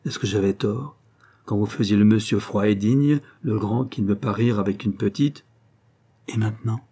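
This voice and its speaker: A man's voice: fairly low pitch, moderate pace, warm tone, husky. A man voicing a young woman in love, joyful and teasing, in an audiobook reading with an impassioned delivery.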